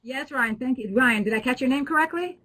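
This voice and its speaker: A woman professor from Israel hosts an online class for alumni, speaking into a computer mic. Her voice sits a little high. She talks in a friendly way, full of fillers and restarts. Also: fairly quick, fairly bright tone, rough recording. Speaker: business school professor. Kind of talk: online alumni webinar talk.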